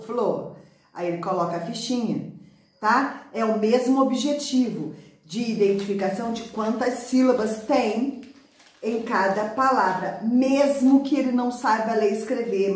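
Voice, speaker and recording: A woman with a Brazilian Portuguese accent, explaining classroom literacy activities in a patient teaching talk, stretching out sample words slowly. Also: on the high side, heavy reverb. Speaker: teacher and neuropsychology educator.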